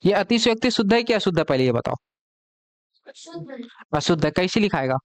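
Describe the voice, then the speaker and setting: Male exam-prep tutor, Chhattisgarh Hindi accent, slightly high voice, patient and repetitive, quizzes students; dry, close recording. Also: lively intonation, rapid-fire, no room sound. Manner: explains patiently, repeats key words, asks students questions. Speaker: teacher. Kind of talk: live online exam-prep class. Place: classroom.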